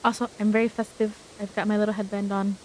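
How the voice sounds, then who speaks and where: A woman livestreamer chatting casually as she plays, with a cute, bubbly, animated anime-streamer delivery. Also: medium pitch, fast talker, rough recording. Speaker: streamer hosting a game livestream. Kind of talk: casual livestream chat while playing puzzle games. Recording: clear hiss of steady background noise.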